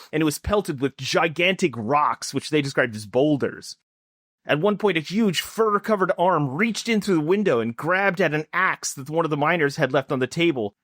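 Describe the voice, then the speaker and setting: A man co-hosting a casual comedy podcast, telling a folklore story in a jokey, lively way. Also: no echo, studio quality. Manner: lively, jokey storytelling with big pitch swings.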